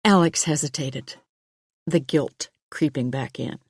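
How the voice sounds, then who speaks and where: A woman narrating an audiobook in a steady, even reading. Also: low-pitched, measured pace, breathy edge, dry recording. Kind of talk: scripted narration.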